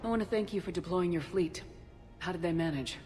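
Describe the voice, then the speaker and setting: A resolute female commander from a video game , played by a woman, speaks in a notably low voice. She is steady, understated and sincere, with music clearly playing behind her. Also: brisk, lightly acted. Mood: composed. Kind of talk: video game dramatic acting.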